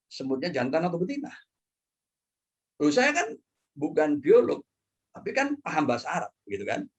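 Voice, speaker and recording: A middle-aged man gives a lively lecture as a professor. He asks and answers his own questions in a playful way and drops in Arabic terms and phrases. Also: high voice, husky.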